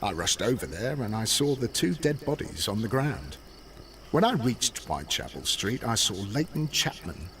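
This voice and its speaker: An actor playing a dutiful London police constable in a video game, official and matter-of-fact. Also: male voice, on the low side, very animated, moderate pace, fairly bright tone, distant mic, a little hiss or hum.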